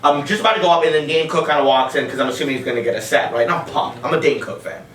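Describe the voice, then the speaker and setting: A man's voice: on the high side, rapid-fire, a bit bright. A man, a stand-up comic, telling rambling, profane stories on a casual podcast and often breaking into laughs. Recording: roomy sound from a distance.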